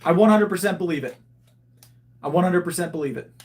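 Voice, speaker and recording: Fast and lively in intonation, with a voice that sits high, a powerlifter in his thirties runs a casual livestream chat. He answers viewers' comments and keeps restarting his sentences as he thinks them through.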